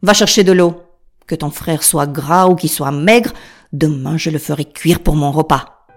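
A woman voicing a wicked, impatient old witch who barks loud scolding commands. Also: on the low side, animated, normal speed, natural voice.

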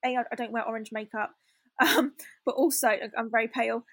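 A woman's voice: fairly high pitch, fairly even intonation, a little fast, husky, dry recording. A young woman telling a personal story in a candid, chatty way, full of fillers and restarts. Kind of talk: casual storytelling chat.

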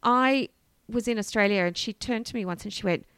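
A woman co-hosting a podcast in casual chat, playful and quick to laugh. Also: mid-range voice, fairly bright tone, clear, resonant tone, no room sound. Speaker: podcast co-host.

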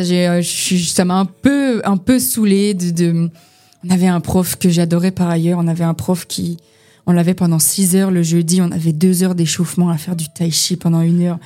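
At an informal beer-fueled gathering, a young woman from the Vosges in France, both actress and poet, chats about acting as a podcast guest. Her voice is fairly low and mellow, and she talks casually with many fillers and restarts.

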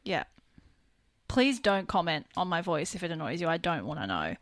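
A woman with a creaky, fry-heavy voice talks casually as a podcast co-host. Her delivery is laid-back and mellow, never peppy. The sound is dry and close, with no room around it. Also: moderate pace, no room sound. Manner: mellow, low-key and relaxed. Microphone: desk microphone.

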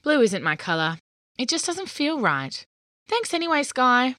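Woman voicing a gentle little boy unicorn. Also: high voice, sing-song, a little slow, no room sound, clean studio sound, voice pushed up, exaggerated voice. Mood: sad.

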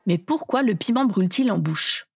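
A woman reading scripted documentary narration in a measured, explanatory way. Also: medium pitch, lively intonation, a crowd in the background, background noise.

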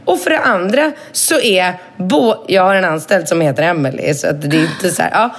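A woman in her thirties tells a story in a relaxed podcast conversation. She swears freely and jumps up high in pitch whenever she acts out what someone said. Her voice sits fairly low otherwise. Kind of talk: casual chat, animated storytelling.

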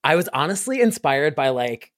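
A man's voice: fairly high pitch, sing-song, moderate pace, a bit bright, dry recording, clean studio sound. A man who produced a remix, eagerly telling how he made it and acting out his own past thoughts. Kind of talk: casual interview chat.

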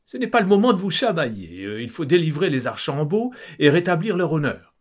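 A man voicing a bossy, excitable aristocratic countess who talks shrill and hurried.

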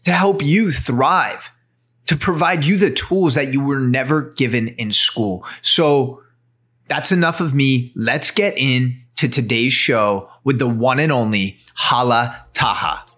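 Brief: male podcast host, upbeat motivational delivery, mid-pitched voice. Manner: energetic, motivational. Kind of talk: podcast intro and interview.

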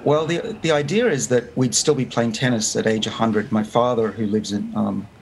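With a gravelly, medium-pitched voice, steady tone and moderate pace, a man in his fifties with an Australian accent explains his research in a remote interview. He's earnest and keeps restarting, and the rough recording carries faint background noise.

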